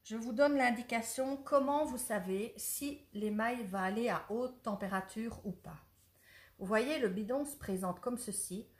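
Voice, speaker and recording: A woman's voice: a little high, a little slow, a little hiss or hum. A woman who owns a ceramics shop, chatting eagerly through a casual product demonstration and sometimes losing her thread. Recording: roomy echo.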